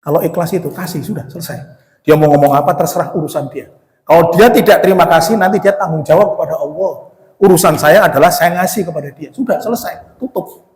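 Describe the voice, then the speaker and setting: A man's voice: on the high side, quick pace, a little mellow. A man giving a conversational sermon as ustadz to a mosque congregation, often calling them Pak and asking them questions. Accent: Indonesian from West Java. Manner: acts out quoted voices. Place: mosque hall. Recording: echoey mosque hall with long reverb.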